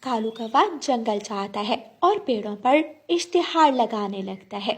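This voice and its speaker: A woman narrating a children's cartoon story in a calm, even storytelling manner. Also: on the high side, a little slow, breathy edge.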